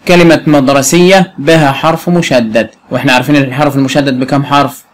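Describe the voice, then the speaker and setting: Egyptian man teaching slowly and clearly. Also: mid-range voice, fairly even intonation. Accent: Egyptian Arabic. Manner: slow, clearly spelled out words with frequent quiz questions. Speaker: primary school Arabic teacher. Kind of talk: patient classroom explanation to a young pupil.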